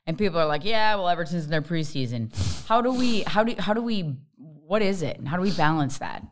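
A woman's voice: lowish voice, lively intonation, fairly quick, a little hiss or hum. A woman talking casually as a co-host and pundit on a sports podcast.

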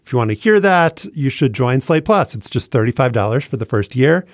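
A man's voice: medium pitch, lively intonation, a little fast, no echo, clean studio sound. A man hosting a podcast in a conversational presenting style, with a dryly joking manner. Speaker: podcast host.

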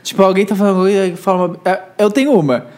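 A man's voice: sits high, fairly even intonation, quick pace, darkish tone. A man co-hosting a casual podcast, joking around and reading a listener's email aloud. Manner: jokey, teasing. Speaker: podcast co-host.

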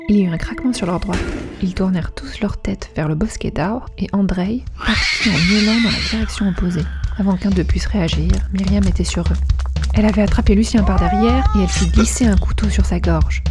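A woman narrating a story aloud in an even, dramatic telling. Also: medium pitch. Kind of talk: storybook reading.

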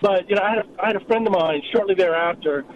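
A man's voice: high-pitched, fast, crowd noise. A man calling in to a radio talk show over the phone, telling a rambling story in a casual way. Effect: heard over the phone. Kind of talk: casual call-in chat. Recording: muffled phone line with background noise.

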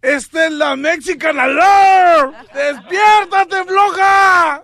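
A man on a radio show making a loud, teasing prank call. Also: very high-pitched, very animated, very slow, creaky, music in the background. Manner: loud teasing, shouts and laughs.

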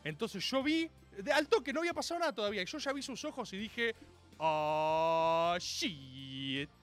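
A young Argentine man with a Rioplatense accent doing stand-up, telling a story in a mock-solemn, grandiose way and breaking into loud shouted voices. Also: very high voice, expressive, fast talker, soft background music. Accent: Rioplatense Spanish. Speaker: comedian.

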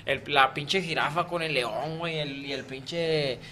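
A man's voice: fairly high pitch, measured pace, bright, forceful tone. Man, Mexican accent, casual joke telling, slangy, faint hiss in background. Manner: slangy, crude, peppered with güey. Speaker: joke teller.

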